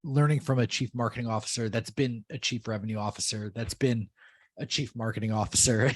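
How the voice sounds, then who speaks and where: A man's voice: on the low side, no room sound. Friendly male podcast host, dry mic. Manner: friendly, upbeat, repeats words when starting. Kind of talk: interview hosting.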